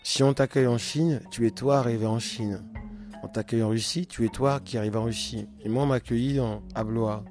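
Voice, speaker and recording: A man's voice: medium pitch, fairly even intonation, brisk, music in the background. A man with a Cameroonian accent, who grew up in Cameroon, speaks reflectively as a musician in a documentary interview and repeats phrases for emphasis.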